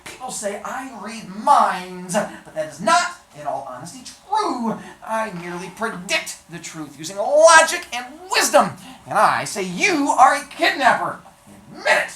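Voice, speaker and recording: A woman voicing a small, scheming hunchbacked male villain in a storybook reading, loud, indignant and boastful. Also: medium pitch, very animated, unhurried, few pauses, voice pushed up. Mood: haughty. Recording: echoey room.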